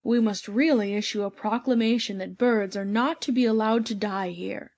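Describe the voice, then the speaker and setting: A woman's voice: mid-range voice, fairly even intonation, moderate pace, a little mellow, lightly acted. A woman voicing a pompous, self-important male town mayor. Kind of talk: storybook reading.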